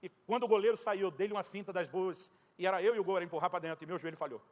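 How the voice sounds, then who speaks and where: A Brazilian pastor preaching a sermon, telling a story and acting out both sides of the dialogue. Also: male voice, sits high, very fast, big-room sound. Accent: Brazilian Portuguese.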